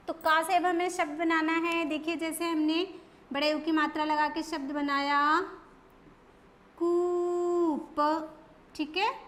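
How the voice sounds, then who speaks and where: A woman teaching young children Hindi letter sounds, stretching out each word slowly so they can repeat it. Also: very high-pitched, fairly bright tone. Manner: slow, drawn-out syllables for children to repeat. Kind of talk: children's Hindi phonics lesson.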